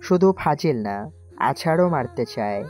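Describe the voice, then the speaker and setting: A woman's voice: sits low, lively intonation, normal speed, darkish tone, faint music behind. A woman voicing a quarrelsome young male university tough in an audio story drama, talking bluntly.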